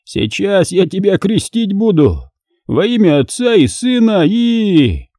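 A man's voice: sits high, sing-song, takes it slowly, dark tone, dry recording, studio quality, pitched above the performer's own voice, exaggerated voice. A male reader voicing a brutal male maniac who snarls threats and gloats. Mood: menacing.

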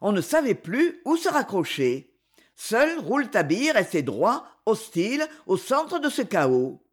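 Brief: woman reading a classic novel, animated and dramatic. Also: medium pitch, a little slow, slightly rough. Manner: expressive, dramatic storytelling. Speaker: narrator.

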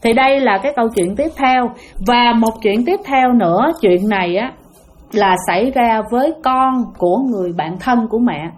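A woman's voice: on the high side, normal speed, darkish tone. A woman with a Southern Vietnamese accent tells a ghost story casually, often turning to address her listeners. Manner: chatty, addresses listeners, many fillers.

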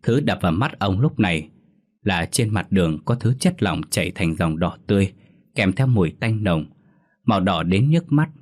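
A man narrating a ghost story in a steady, dramatic storytelling manner. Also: low-pitched, moderate pace. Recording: faint music underneath.

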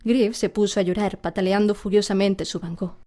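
A woman narrating a storybook aloud in a steady, even storytelling manner. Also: medium pitch, normal speed.

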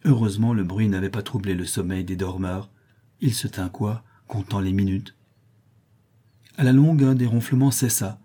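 A man reading a novel aloud as narrator, with steady, measured storytelling. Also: lowish voice, slightly rough. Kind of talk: audiobook reading.

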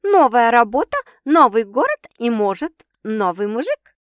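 A woman's voice: on the high side, sing-song, a little slow, dry recording, clean studio sound. A woman voicing a teasing, outspoken young woman in an audiobook, sarcastic and bossy. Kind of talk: audiobook character voice.

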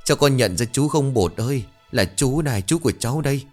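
A man voicing a soft-hearted middle-aged uncle who exclaims tearfully and dotes loudly. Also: lowish voice, expressive, a little fast, faint music behind, natural voice. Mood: choked up.

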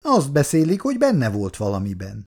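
A young factory worker sounds nervous and apologetic, voiced by a man reading aloud. His pitch jumps up and down. It is a storybook reading. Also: wildly swooping pitch, a little mellow. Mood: unsure. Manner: apologetic and unsure.

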